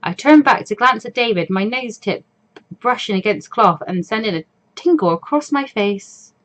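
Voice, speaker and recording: A woman with a fairly bright, expressive voice on the high side reads at normal speed from a visual novel. She plays an anxious, introspective fourteen-year-old girl, musing hesitantly and with a troubled air through an inner monologue.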